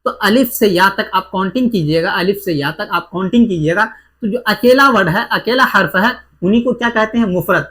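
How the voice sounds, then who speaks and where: A man's voice: sits high, a bit bright. A man teaching an exam-prep grammar lesson, who repeats each point and asks and answers his own questions.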